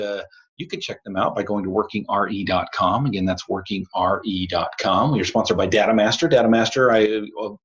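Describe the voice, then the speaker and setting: An American man hosts a casual podcast in a voice on the low side, a bit bright and slightly rough. His laptop's built-in mic makes him sound tinny, as if talking inside a tin can.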